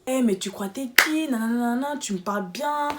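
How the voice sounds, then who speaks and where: A woman's voice: on the high side, normal speed, heavy background noise, lightly acted. A woman voicing an indignant young male school supervisor, defensive and whiny.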